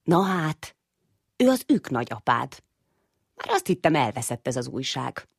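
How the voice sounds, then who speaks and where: A woman's voice: a bass voice, sing-song, vocal fry, breathy edge, dry recording, studio quality, heavily acted. A woman voicing a patient but firm father mouse who warns his sons. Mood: fatherly. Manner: gentle, strict when warning.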